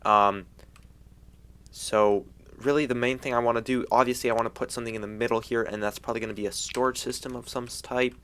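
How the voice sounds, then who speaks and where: A young man giving casual gameplay commentary in an excitable frat-bro way, full of slang like dude and bro. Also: medium pitch, fast, clear, resonant tone. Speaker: gaming video host.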